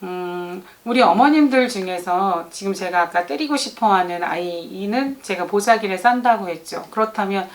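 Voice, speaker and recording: Soft-spoken teacher lady talking to moms about discipline, gentle, plays out the kids' lines. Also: medium pitch, normal speed, few pauses. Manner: gentle, addresses mothers directly, acts out children's and teachers' lines. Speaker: early childhood teacher. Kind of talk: parenting advice talk.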